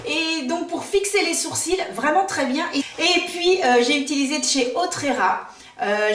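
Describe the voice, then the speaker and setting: A beauty vlogger with a high, bright voice chats her way through a makeup review at her countryside home, peppering it with filler words and self-mocking asides. She sits a bit away from the camera mic and is recorded from a distance, so her voice sounds slightly off-mic amid a roomy echo.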